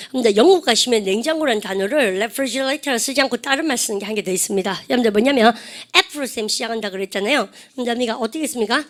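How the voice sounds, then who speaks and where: A woman teacher leads a classroom English lesson in a slightly high voice. She keeps questioning her students and cueing them to say phrases back, with Korean as her first language. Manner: coaxing, asks many questions and cues the class to repeat.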